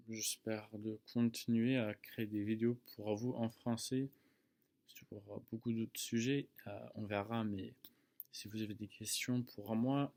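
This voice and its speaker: A man in his early twenties from the United States speaks non-native French with an American accent, casually and haltingly, searching for words and correcting himself. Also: on the low side, a little mellow. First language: English. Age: early 20s. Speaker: student video maker. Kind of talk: casual talk to camera.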